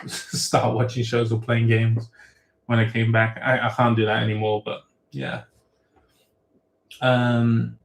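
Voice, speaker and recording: A man, an author hosting a casual livestream Q&A, reading viewer questions aloud and giving rambling, off-the-cuff answers. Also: medium pitch. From grew up in England, born in Thailand. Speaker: web novel author hosting a Q&A. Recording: roomy echo.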